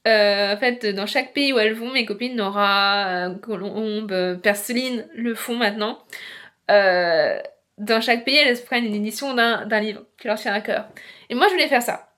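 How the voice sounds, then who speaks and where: Une jeune femme qui parle de ses livres face caméra, sur un ton décontracté, bavard et décousu, avec beaucoup d'hésitations. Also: female voice, mid-range voice, normal speed, a bit bright. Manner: chatty, rambling, many fillers and restarts. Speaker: book vlogger. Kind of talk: casual chat to camera.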